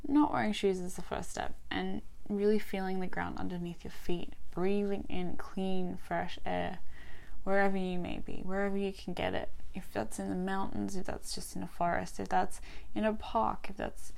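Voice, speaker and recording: A woman's voice: medium pitch, level tone, normal speed, vocal fry, a little mellow. A young Australian woman with a Western Australian accent, hosting a solo podcast in a chatty way, laughing often and restarting her sentences. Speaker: podcast host.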